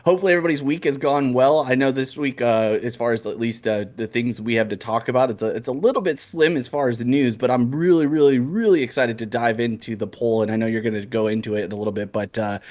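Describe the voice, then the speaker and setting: A man's voice: medium pitch, quick pace, few pauses, a little mellow. A man co-hosting a casual gaming stream, eager and full of fillers. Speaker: co-host. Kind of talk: casual live-stream chat.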